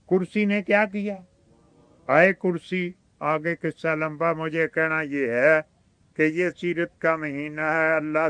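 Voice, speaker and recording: Male preacher, Urdu-speaking Pakistani accent, high crisp voice, dry close sound, quotes Arabic verses. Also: bright, forceful tone, dry recording. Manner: rhetorical questions to the audience. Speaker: religious teacher. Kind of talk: sermon.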